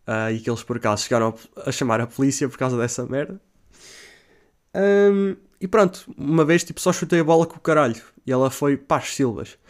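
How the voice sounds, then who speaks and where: A young man with a European Portuguese accent tells a rambling story in casual, profane talk, mixing in English slang and letting out high shouts as he acts out his own cries. He speaks quickly with hardly any pauses and keeps his intonation fairly even.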